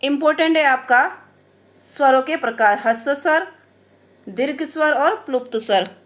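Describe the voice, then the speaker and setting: A woman's voice: high voice, expressive, normal speed, fairly bright tone. A woman teaching a grammar lesson, explaining step by step and often checking in with her students, mixing in phrases. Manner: explains step by step, keeps asking "ठीक है?", drops in English phrases. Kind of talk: classroom-style online lesson.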